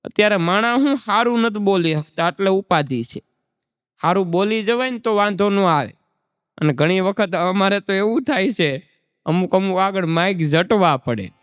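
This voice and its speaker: A man's voice: high-pitched, lively intonation, moderate pace, clear, resonant tone, dry recording, clean studio sound, in a large hall. A man, doing folk stand-up comedy and telling chatty anecdotes. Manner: chatty, anecdotal, recites verse. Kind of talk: Gujarati folk stand-up storytelling.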